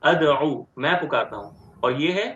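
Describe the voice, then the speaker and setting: Slow, repeating grammar teacher in a roomy lo-fi recording. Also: male voice, fairly high pitch, lively intonation, a bit bright. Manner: explains step by step, often asks "ठीक है?"; repeats word forms slowly and deliberately. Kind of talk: online grammar lecture. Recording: roomy, dull lo-fi sound.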